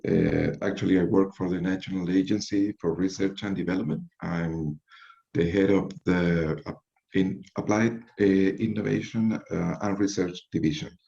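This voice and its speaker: A man's voice: sits low, steady tone, moderate pace, gravelly, mellow. A man introducing himself on a video call, hesitant and repeating words. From Chile. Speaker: research agency division head, course participant. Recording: muffled lo-fi audio.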